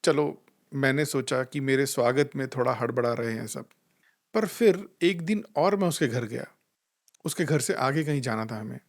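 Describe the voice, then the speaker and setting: A man giving a calm, reflective spiritual talk. He tells gentle anecdotes and acts out the voices he quotes. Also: mid-range voice, normal speed. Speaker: spiritual life coach.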